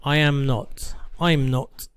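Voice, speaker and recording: A man teaching a beginner English lesson, reading example sentences and verb forms in a careful, measured way. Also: mid-range voice, steady tone, clear, resonant tone.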